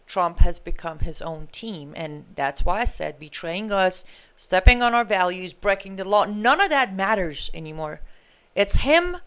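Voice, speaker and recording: Woman host of a live political commentary stream, smooth and emphatic, argues hard and turns sarcastic. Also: mid-range voice, very animated, unhurried, a bit bright. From Iran. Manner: emphatic, argumentative, with sarcastic asides.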